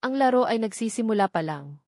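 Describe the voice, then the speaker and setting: A woman narrator voicing a cold, scheming wealthy man who speaks quietly and with menace in a storybook reading. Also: fairly high pitch, expressive, brisk, dry recording, studio quality, close to an everyday voice. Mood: menacing.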